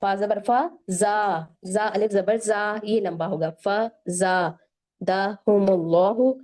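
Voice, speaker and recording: A woman teaching a Quran recitation class, patiently sounding out syllables slowly one by one and checking in with her students. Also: mid-range voice, fairly even intonation, darkish tone. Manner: slow, drawn-out syllable-by-syllable demonstration; patient, repeats "theek hai" to check in.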